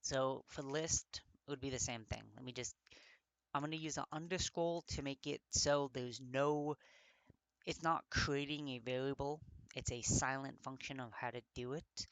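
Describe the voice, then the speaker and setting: A man's voice: medium pitch, steady tone, moderate pace, fairly bright tone, clean tone, dry recording. A man giving a casual coding walkthrough, thinking aloud with many fillers and often getting tongue-tied and correcting himself. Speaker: coding tutor.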